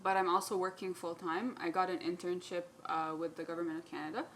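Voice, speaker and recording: A woman's voice: fairly low pitch, flat delivery, fast talker, a little hiss or hum. A young woman, a student from the UAE, chatting casually as a podcast guest and laughing often. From Palestinian, grew up in the UAE. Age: young adult. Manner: giggly, laughs often while talking. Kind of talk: casual chat.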